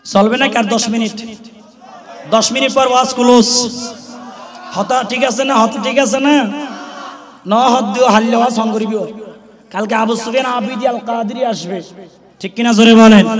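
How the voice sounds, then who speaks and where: A man's voice: extremely high pitch, steady tone, normal speed, pauses often. A man from the Khulna region preaching a sermon at an open-air gathering, impassioned, drawling and chanting phrases and calling on the listeners to respond. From Khulna region, Bangladesh. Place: large outdoor religious gathering. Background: crowd.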